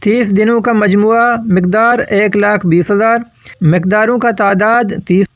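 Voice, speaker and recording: A man's voice: sits high, fairly even intonation, no echo, dull audio. A man explaining a simple math method step by step in a patient lesson, working through examples. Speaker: math teacher.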